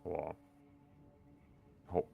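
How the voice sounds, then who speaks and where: A man with a low, gravelly, sonorous voice running a tabletop game as game master, rambling with many fillers. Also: drawn-out words, narrow, tinny audio, soft background music.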